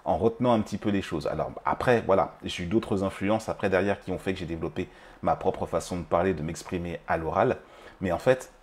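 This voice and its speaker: A man's voice: low voice, a little fast. A man with a French accent hosting a language-learning video, talking casually to the viewer with many fillers and restarts. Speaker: English-teaching video host. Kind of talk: casual spoken monologue to camera.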